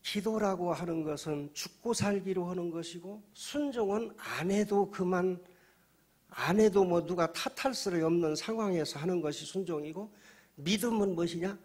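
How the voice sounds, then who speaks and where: A man, a pastor, preaching a sermon, swinging from hushed storytelling to loud shouting and acting out the dialogue of his stories. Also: sits high, normal speed, breathy edge.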